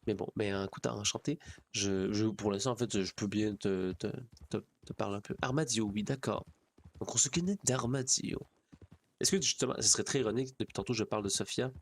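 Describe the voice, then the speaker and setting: A streamer with a Quebec French accent chats casually to his livestream viewers in a fairly low, brisk voice, rambling and repeating phrases. A little hiss or hum can be heard.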